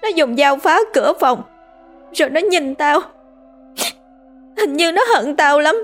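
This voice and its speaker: A woman voicing a terrified young woman who pleads and sobs in panic, pitched well above her own voice. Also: animated, a little slow, soft background music. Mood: sobbing.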